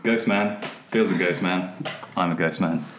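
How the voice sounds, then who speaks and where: Man, very deep voice, podcast co-host, crude jokes, echoey room. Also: fairly bright tone, a little hiss or hum. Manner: joking, crude, quick to laugh. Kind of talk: casual chat. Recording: roomy echo.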